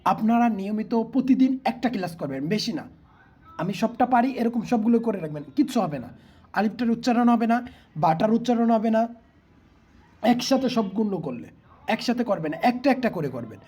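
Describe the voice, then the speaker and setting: A woman teaching a Quran reading class, sounding out letters slowly, repeating them and asking her students questions. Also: a little high, lively intonation, mellow, breathy edge. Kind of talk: lesson teaching letter pronunciation.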